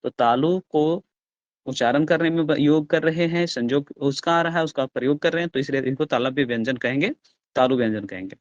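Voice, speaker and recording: Hindi grammar teacher sounding out letters. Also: male voice, a little high, no room sound, muffled recording. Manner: explains step by step, asks the class questions and answers them himself; sounds out letters slowly and loudly. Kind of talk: online class lecture.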